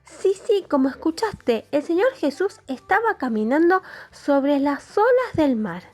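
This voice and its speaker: A woman's voice: high-pitched, big pitch swings, unhurried, faint music behind. A woman with an Argentine Spanish accent telling a Bible story to young children, in a sing-song, exaggerated storytelling manner. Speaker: children's Bible class teacher.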